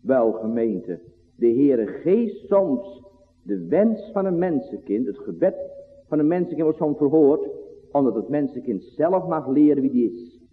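Preacher in a reverberant church. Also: male voice, medium pitch, big pitch swings, a little slow. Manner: old-fashioned preaching cadence, swinging from loud to hushed. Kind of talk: sermon. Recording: phone-like line in a long-reverb church.

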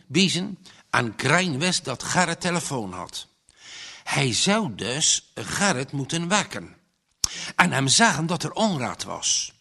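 A man reads a story aloud in a slow, deliberate tempo. His voice is gravelly yet bright, and his pitch moves in a lively way. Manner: lively, expressive read-aloud delivery. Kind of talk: storybook reading.

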